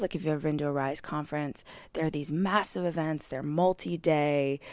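Low-pitched woman, scratchy swollen-throat voice. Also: no echo, clean studio sound. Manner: candid, self-deprecating, addresses listeners directly. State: vocally strained from hours of speaking on tour. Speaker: podcast host. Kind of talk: chatty solo podcast monologue. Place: hotel room.

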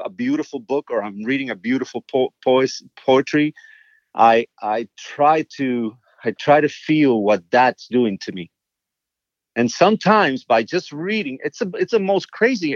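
A songwriter appearing as a guest tells stories in a relaxed, casual interview; his mid-range voice moves at normal speed and gets animated, repeating words when he's excited. The audio is dry and a little dull, with no echo or room sound.

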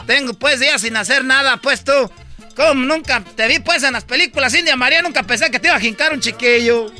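A man's voice: very high voice, brisk, bright, forceful tone, soft background music. A man doing a rambling comedy sketch, slangy and full of fillers.

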